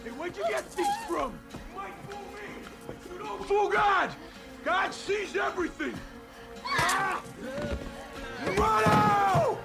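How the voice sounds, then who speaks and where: An actor playing a grief-crazed man who shouts and rants about God. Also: very high-pitched, slow pace, gravelly, long pauses, exaggerated voice. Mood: raging. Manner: shouting, ranting. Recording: film clip with loud music.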